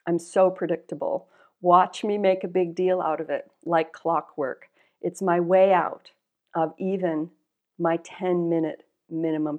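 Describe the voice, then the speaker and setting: A woman coach giving a reflective spoken lesson, wry and self-mocking, in a measured way. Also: fairly low pitch, a little mellow.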